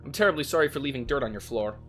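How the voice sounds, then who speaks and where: A man voicing a courteous, overly smooth research robot in a video game, speaking in a calm, precise way. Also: medium pitch, rapid-fire, faint music behind, natural voice. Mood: polite. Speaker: game character.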